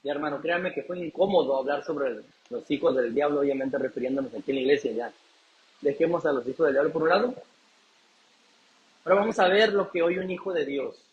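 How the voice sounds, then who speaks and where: High-voiced male pastor preaching, dull recording. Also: brisk. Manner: preaching, asks the congregation questions and answers them. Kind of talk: sermon.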